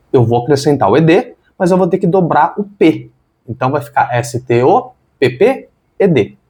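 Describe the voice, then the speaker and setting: A man's voice: a little high, a little mellow, slightly rough. A man, an English teacher explaining spelling rules step by step and spelling words out letter by letter. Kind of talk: online language lesson.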